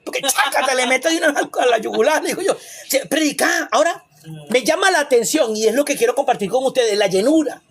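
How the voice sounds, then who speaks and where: A man's voice: extremely high pitch, animated, quick pace, a bit bright. A man preaching a sermon as a pastor, emphatic and repetitive, with rhetorical questions and asides.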